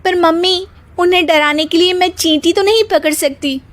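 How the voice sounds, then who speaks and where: Woman putting on a squeaky, whiny young daughter-in-law. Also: fairly even intonation, moderate pace. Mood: hesitant. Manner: whiny, pleading, talks back. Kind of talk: cartoon voice acting.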